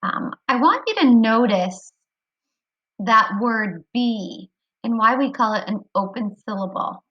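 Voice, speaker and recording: A woman teaching a kindergarten phonics lesson online, speaking clearly and encouragingly to young children. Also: a little high, lively intonation, measured pace, dull audio.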